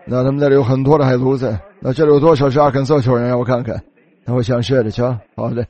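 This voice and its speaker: A man's voice: medium pitch, little pitch movement, fast, dark tone. A man preaching a sermon, telling a story and starting many phrases with a filler. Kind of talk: sermon storytelling in Chinese voice-over.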